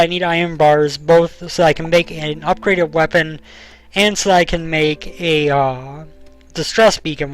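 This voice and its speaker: A man's voice: on the high side, poor audio. A young man giving casual gameplay commentary as a let's play host, explaining at length with frequent ums, and has the hiccups.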